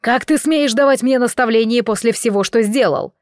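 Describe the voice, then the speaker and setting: A woman's voice: a little high, normal speed, dry recording, lightly acted. Woman doing a cold, commanding elder man. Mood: furious.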